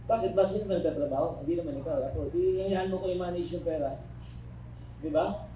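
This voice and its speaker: A man's voice: a little high, a little fast. A middle-aged man from the Philippines giving a criminology review lecture in a classroom. He mixes teaching with joking asides and keeps checking in with the class. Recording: echoey room recorded from far off, faint background noise.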